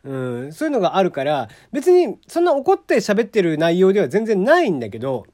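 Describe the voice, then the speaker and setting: A man from Kagoshima hosts a relaxed solo podcast and keeps it chatty and loose. His pitch rises and falls freely while he talks. He laughs often and leans on fillers. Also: fairly quick. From Kagoshima, Japan. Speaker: podcast host. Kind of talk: casual solo podcast talk.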